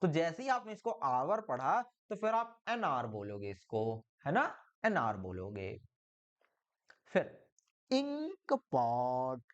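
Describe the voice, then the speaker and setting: A man's voice: high-pitched, lo-fi sound. A man with a Hindi accent teaching an English grammar lesson, encouraging students and often checking that they follow. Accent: Indian Hindi. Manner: encouraging, repeats "बहुत बढ़िया" and "ठीक है?" often; lively, sing-song teacher delivery.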